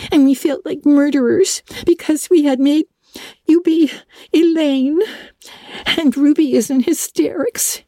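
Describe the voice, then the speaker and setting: A woman reading aloud, voicing Diana, an excitable teenage girl who gushes through tears of relief. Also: sits high, no room sound, clean studio sound, pitched above the performer's own voice. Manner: breathless, gushing. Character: excitable teenage girl, gushing, tearful friend.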